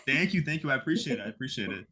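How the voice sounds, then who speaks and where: A man in his twenties from the US East Coast speaks in a mid-range, slightly rough voice that's very animated, rapid-fire, and sharp. As an interview guest he rambles casually, leaning heavily on fillers like "you know" and "like."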